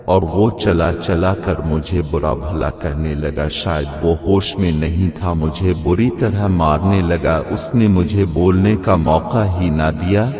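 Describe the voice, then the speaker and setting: A male storyteller reads a first-person tale in a sorrowful, earnest tone. His voice sits very low and rings with a long hall reverb, while music plays clearly underneath. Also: hardly any pauses. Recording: echoey hall sound with music bed.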